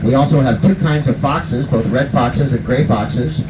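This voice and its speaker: A man's voice: mid-range voice, normal speed. A man driving a tour bus and giving rehearsed sightseeing commentary to passengers. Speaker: tour bus driver and guide. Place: tour bus on a hill road. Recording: echoey, distant, muffled, noisy vehicle sound.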